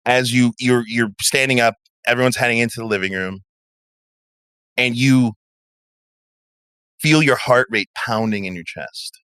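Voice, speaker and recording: A man's voice: medium pitch, steady tone, measured pace, long pauses, a bit bright, clean tone, no room sound, clean studio sound. A man narrating a tabletop game as game master, describing scenes vividly and dramatically and swearing freely.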